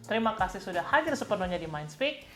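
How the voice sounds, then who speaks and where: A woman's voice: mid-range voice, very animated, quick pace, soft background music. A woman co-hosting a podcast, talking in an easygoing, chatty way. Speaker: podcast co-host. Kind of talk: casual conversational chat.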